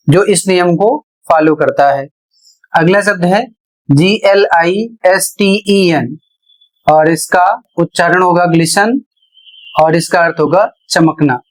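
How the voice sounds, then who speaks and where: A male teacher explaining pronunciation rules, spelling words out letter by letter in slow, deliberate short phrases. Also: high-pitched, low-quality recording. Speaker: English teacher.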